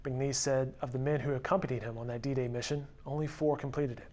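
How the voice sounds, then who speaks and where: A man's voice: mid-range voice, steady tone, brisk, a little mellow. A man reading scripted news narration as a reporter, in a feature story. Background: music.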